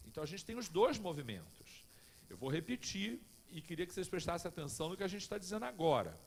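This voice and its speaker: Speaking fast in a high, gravelly voice, a lecturer at a spiritist family course tells personal anecdotes and addresses his listeners directly, keeping it lively and conversational.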